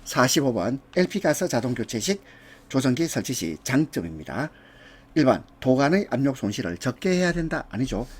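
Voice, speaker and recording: A man's voice: medium pitch, big pitch swings, normal speed, slightly rough. A man teaching an exam prep lecture, going through answers step by step with casual asides.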